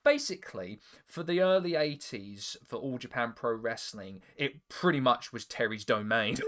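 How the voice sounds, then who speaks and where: Hosting a podcast in a casual chat, a man with an English estuary accent talks loosely, laughing often and restarting after stumbles. His mid-range voice is expressive and a bit bright, at a moderate pace.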